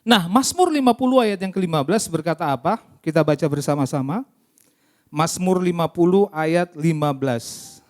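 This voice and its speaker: A male pastor preaching a lively, interactive sermon, often putting questions to the congregation. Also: fairly high pitch, normal speed. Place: church service.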